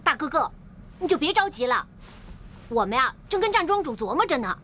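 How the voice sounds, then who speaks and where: An actress playing a clever, lively young woman in a costume drama, coaxing and explanatory. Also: sits high, brisk, a little hiss or hum, exaggerated voice. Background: drama score music.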